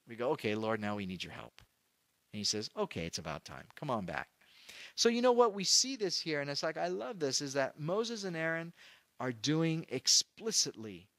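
Middle-aged guy pastor walking thru a bible chapter, chatty, acts out voices, bright dry sound. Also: on the high side, no echo. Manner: conversational, animated, acts out quoted voices. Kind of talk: verse-by-verse Bible teaching. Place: church.

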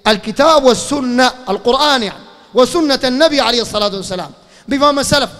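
A man with a Sudanese Arabic accent giving a fiery religious lecture, firing rhetorical questions and breaking into shouts. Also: extremely high pitch, racing. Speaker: preacher. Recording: long hall reverb.

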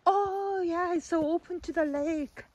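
A middle-aged woman with a high voice talks slowly and warmly on a forest trail. She exclaims at the views, laughs often and uses simple phrasing. The sound is an outdoor phone recording. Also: no echo. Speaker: vlog host. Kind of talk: casual hiking chat.

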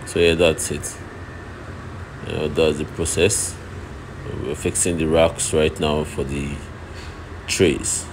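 A man's voice: rumbling low, little pitch movement, slow, pauses often. A man walks through his oven workshop, explaining each step and repeating himself as he films on his phone. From Nigeria. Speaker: oven fabricator showing his work. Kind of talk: walkthrough narration while filming. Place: workshop and outdoor street site. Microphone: phone held while filming. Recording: phone video with loud background noise.

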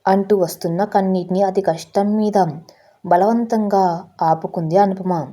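A woman storyteller narrating a scripted story in a steady, emotive way. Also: mid-range voice, measured pace.

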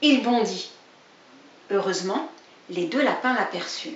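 Slow, expressive woman storyteller. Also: medium pitch, a little hiss or hum. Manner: expressive, addressing a child directly. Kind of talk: children's storybook reading. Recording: dull, roomy, distant recording.

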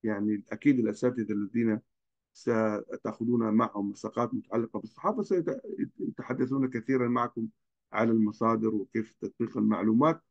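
A man's voice: mid-range voice, darkish tone, dull audio. A man from Libya, giving a recorded course lecture to students in an earnest, cautionary way.

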